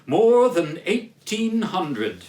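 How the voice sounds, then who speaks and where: A man's voice: high voice, very animated, drawn-out words, darkish tone, voice pushed up, heavily acted. A man voicing a jovial giant ghost in a storybook reading, hearty, commanding and declaiming. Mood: grand. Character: jovial booming giant ghost of Christmas Present. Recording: roomy echo, distant microphone.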